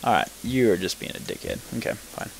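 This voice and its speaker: A man's voice: on the low side, sing-song, a little fast, creaky, slight background noise, poor audio. Man mumbling through game commentary. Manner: casual, mumbling, thinking aloud with mild swearing. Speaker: let's play gamer. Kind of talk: gameplay commentary.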